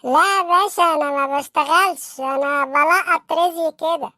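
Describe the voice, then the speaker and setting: A performer with a high, bright, forceful voice speaks at a moderate pace in a dry, clean studio recording. They voice a naive young street hustler, a respectful petty-crime suspect, in an Egyptian comedy cartoon, sounding earnest, deferential and matter-of-fact with an Egyptian accent.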